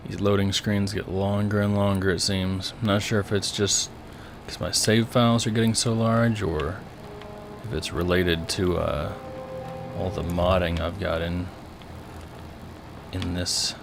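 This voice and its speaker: Low-voiced man musing over a game. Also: level tone, unhurried, over music. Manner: musing to himself. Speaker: let's play host. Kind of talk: casual game commentary.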